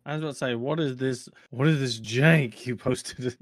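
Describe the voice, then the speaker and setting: A joking man at a middle pitch who teases his co-hosts in casual podcast chat. His voice sounds close and dry, with no room around it. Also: normal speed, no room sound. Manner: joking, teasing, laughs often. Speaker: podcast co-host.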